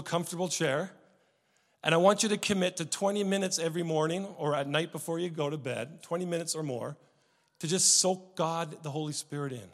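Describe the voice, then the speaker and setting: High-voiced man preaching in an echoing hall. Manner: animated preaching with sudden swings from hushed to loud. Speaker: pastor. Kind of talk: sermon. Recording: long echo of a church hall.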